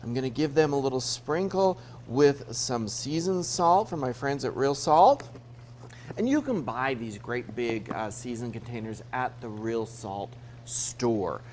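Middle-aged guy from utah doing a tv cooking demo, lively up and down voice, faint hum behind. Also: mid-range voice, unhurried. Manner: chatty, explains each step while cooking. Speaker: TV cooking show host. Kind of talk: cooking demonstration. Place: TV studio kitchen set.

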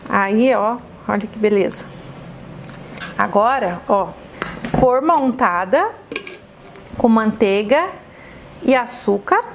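A woman's voice: fairly high pitch, expressive, takes it slowly, long pauses, a little hiss or hum. A woman with a Brazilian Portuguese accent hosting a chatty cooking demonstration in a kitchen, effusive and exclamatory, fondly addressing her viewers. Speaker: cooking show host.

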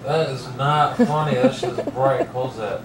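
A man's voice: medium pitch, normal speed, a crowd in the background. A man talking off camera in blunt, grumbling banter, captured on old camcorder audio. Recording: noisy, echoey old camcorder recording.

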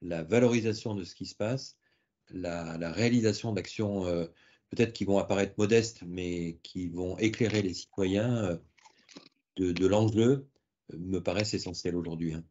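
A man, the director of a regional health agency, speaking as a guest in a video call discussion, measured and halting, often repeating words. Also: deep voice, mellow. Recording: dull lo-fi video call audio.

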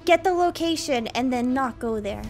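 A woman streamer giving casual, playful, expressive live commentary on a game. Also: high-pitched, moderate pace, soft background music.

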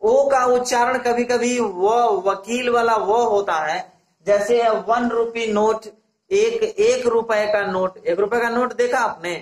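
Slow, patient male English teacher. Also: very high-pitched. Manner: slow, patient, asks and answers own questions. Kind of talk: classroom grammar lesson. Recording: echoey room.

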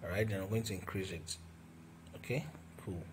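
A man speaks in a deep, steady voice at normal speed, talking through each step of a graphic design tutorial as he works on screen, with fillers and restarts. The screen-recorded software tutorial sounds rough and carries a little hiss or hum.

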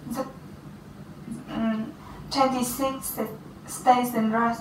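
A teenage girl with a Vietnamese accent taking an English speaking test, halting and hesitant with restarts. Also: a little high, level tone, background noise. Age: teens. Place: small classroom office, indoors. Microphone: far camera. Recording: roomy, distant camera sound.

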